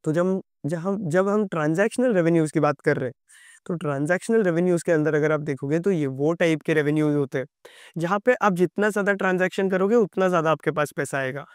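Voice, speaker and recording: Fast, crisp-voiced man explaining finance. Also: a little high, no echo, studio quality. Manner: conversational, addresses viewer directly. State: sore throat. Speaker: stock market educator.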